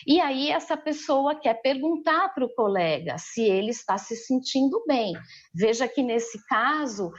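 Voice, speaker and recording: A woman's voice: fairly high pitch, lo-fi sound. A woman with a Brazilian Portuguese accent teaching an English class remotely, explaining patiently and checking in with her students.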